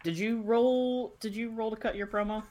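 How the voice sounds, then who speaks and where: A woman's voice: a little high, fairly even intonation, moderate pace, darkish tone. A woman giving casual, joking commentary as a player in a wrestling tabletop game.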